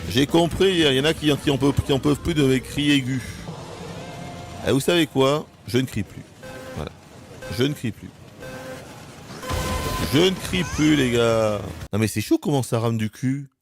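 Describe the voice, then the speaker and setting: A man streaming a game live, ranting in exasperation with swearing and sudden high-pitched outbursts. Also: normal speed, music in the background. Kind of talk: live gaming stream commentary.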